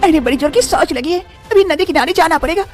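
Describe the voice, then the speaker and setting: A woman voicing a frightened young village daughter-in-law in an animated story, who frets and talks to herself aloud. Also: very high voice, fast talker, soft background music. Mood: worried.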